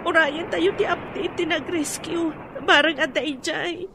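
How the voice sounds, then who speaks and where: Casting: earnest young daughter for radio drama, very high pitch, noisy backdrop. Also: female voice, steady tone, measured pace, full character voice. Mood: worried, earnest. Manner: earnest, questioning. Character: concerned young woman, a dutiful, caring daughter. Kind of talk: Ilocano radio drama acting. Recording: clear background noise, engine-like ambience.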